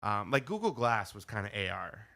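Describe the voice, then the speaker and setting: A man's voice: on the low side, sing-song, normal speed, creaky, sharp tone. A man co-hosting a casual podcast, explaining things patiently with many fillers. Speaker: podcast co-host. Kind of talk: casual chat.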